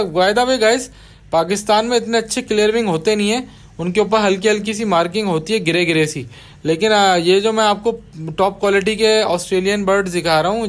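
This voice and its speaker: A man with a high voice narrates a hobby tutorial over bird footage. He explains patiently and repeats the key terms so nobody gets lost. Now and then he turns to his viewers with a casual aside. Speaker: budgie breeder teaching viewers.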